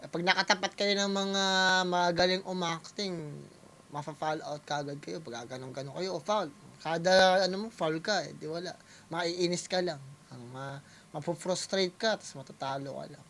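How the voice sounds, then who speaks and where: A man reacting to a rap battle as a producer, excitable and swearing, often breaking into shouts. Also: on the high side, moderate pace. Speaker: reaction video host, music producer.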